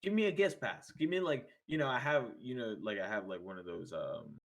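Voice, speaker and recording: A man's voice: medium pitch, animated, brisk, gravelly. A young man co-hosting a podcast, telling laid-back stories full of slang and acted-out quotes. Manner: laid-back storytelling with slang and mimicked voices. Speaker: podcast co-host. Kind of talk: casual chat.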